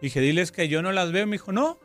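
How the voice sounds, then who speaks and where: A man with a Mexican accent telling stories in a casual chat, animated and quoting himself in lively asides. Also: high-pitched, fairly quick, soft background music. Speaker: show co-host.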